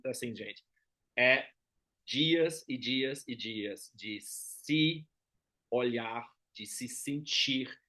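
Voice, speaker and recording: A man's voice: mid-range voice, fairly bright tone. A man from Germany with a German accent, giving an explanatory lecture as a teacher and often checking in with short tag questions. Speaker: Enneagram teacher.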